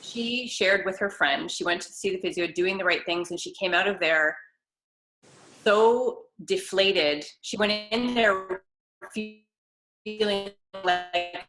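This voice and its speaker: A woman's voice: medium pitch, slow, fairly bright tone, faint music behind, rough recording. A woman co-hosting a casual video call, telling a long story with many restarts. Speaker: co-host, fitness trainer.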